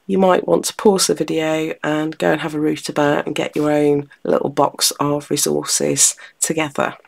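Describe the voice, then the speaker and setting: A woman talks through a stitching project in a chatty, friendly way, explaining each step. She has a cold, so her voice sounds croaky and nasal, with a gravelly rasp. Her voice sits a little low for a woman. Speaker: textile art tutor. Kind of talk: relaxed craft tutorial talk.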